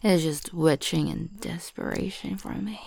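A woman whispers close and slow, her breathy voice husky and edged with a little gravel. She keeps a teasing, coaxing manner throughout this intimate ASMR roleplay, drawing each phrase out. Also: lowish voice, darkish tone, dry recording.

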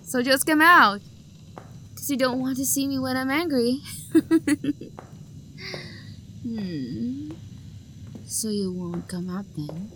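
A young woman voice actor performs an audio roleplay as an obsessive, possessive lover hunting for the one she adores. Her voice is on the high side, bright and forceful, at a measured pace, sweet yet menacing and often dropping to a whisper. The mood is teasing and predatory, with a little hiss or hum in the recording.

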